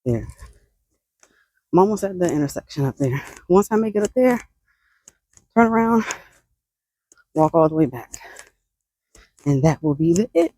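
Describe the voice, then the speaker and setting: Walking beside a road on an outdoor sidewalk, a woman vlogger makes casual conversation, breathless from the walk, laughing frequently and sighing between sentences. Her fairly low, dark voice has lively intonation, a moderate pace, and long pauses, in a dry recording.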